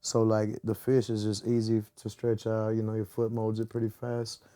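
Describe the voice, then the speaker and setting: A man in his twenties from Texas, a rapper chatting as a guest in a relaxed, slangy way. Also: lowish voice, moderate pace. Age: 20s. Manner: laid-back, drawling, slangy. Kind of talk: casual interview chat.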